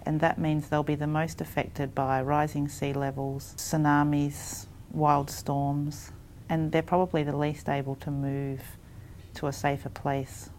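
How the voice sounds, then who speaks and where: A woman's voice: low voice, flat delivery, unhurried, a little mellow, a little hiss or hum. A woman giving an earnest, explanatory advocacy statement.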